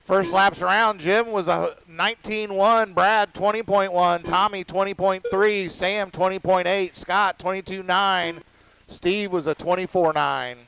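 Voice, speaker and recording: A man announcing a radio-controlled car race, rattling off lap counts and times in a casual, quick-fire way. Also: sits high, steady tone, gravelly, a bit bright, slight background noise, poor audio. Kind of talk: live race commentary.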